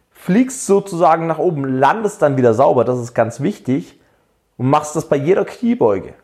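A man talks straight to his viewers like a fitness coach. His voice moves a lot, climbing and dropping as he explains exercises and fires off questions. He sounds energetic and pushes the listener to train hard. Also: on the high side, creaky. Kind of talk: direct-to-camera fitness advice.

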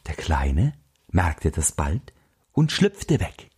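A man reading a fairy tale aloud in an expressive, unhurried storytelling manner. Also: deep voice, slightly rough. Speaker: narrator.

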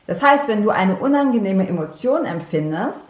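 A woman's voice: mid-range voice, expressive, moderate pace. A woman coach explaining to the listener in an earnest, direct way, repeating her key points. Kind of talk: explanatory monologue to the viewer. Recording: echoey room.

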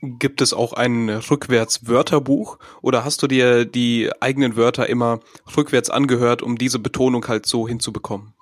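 Man hosting, asking halting questions. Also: medium pitch, fairly even intonation, no room sound, studio quality. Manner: hesitant questioning with fillers. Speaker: podcast host. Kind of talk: casual interview questions.

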